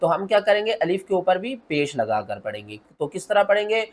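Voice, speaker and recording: A man teaching Quran recitation rules, explaining each rule patiently step by step and then reciting the examples slowly. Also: high-pitched, sing-song.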